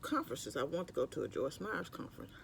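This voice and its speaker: Fast-talking and sing-song, this middle-aged man's creaky voice sits on the high side with a fairly bright tone. He's a mukbang vlogger rambling casually to viewers while eating on his lunch break at work, sometimes mid-bite, with slight background noise.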